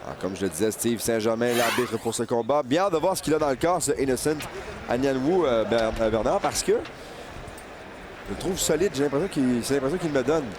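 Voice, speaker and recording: A man's voice: mid-range voice, lively intonation, a little fast. A man with a Quebec accent calling a boxing match live as play-by-play commentator. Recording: loud arena crowd and background noise. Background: roaring crowd in an arena.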